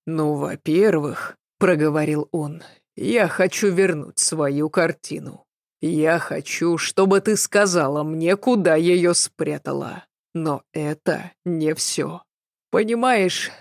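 A woman reading the part of a hysterical, vengeful man in his thirties whose voice rises to a shrill screech. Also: slow pace, vocal fry, no echo, clean studio sound. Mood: menacing. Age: 30s. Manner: shouting, hysterical.

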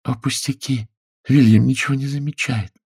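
Fussy fifty-year-old wife voiced by a man, creaky and husky, pitched up, audiobook role. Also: steady tone, moderate pace, darkish tone, no echo, clean studio sound. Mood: fretful. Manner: raised, sing-song pitch. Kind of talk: audiobook character voice.

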